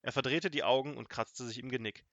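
Brief: a man reading a children's audiobook, lively and expressive, dry studio sound. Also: mid-range voice, fairly quick, no room sound, muffled recording. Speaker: audiobook narrator. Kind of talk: scripted children's story narration.

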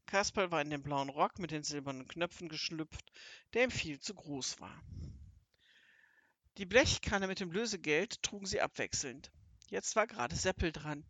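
An audiobook narrator reading a children's story in a lively, expressive way. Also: mid-range voice, normal speed, no room sound. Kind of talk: scripted narration of a children's book.

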